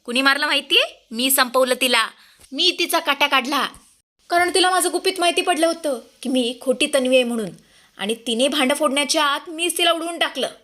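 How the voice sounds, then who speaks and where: A woman's voice: sits high, a little fast, bright, forceful tone. A woman voicing a drunk, scheming young woman who taunts her family. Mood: drunken taunting. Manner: taunting, sneering.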